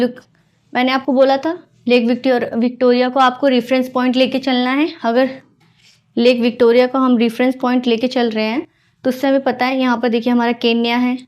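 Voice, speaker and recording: A woman teaching an exam-prep geography lesson, mixing Hindi and English and explaining patiently with memory tricks. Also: a little high.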